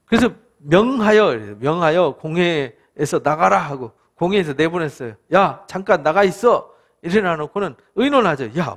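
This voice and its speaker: High-voiced Korean pastor teaching scripture. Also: male voice. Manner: conversational, asks the listeners for agreement, acts out quoted speakers. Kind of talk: Bible study lecture.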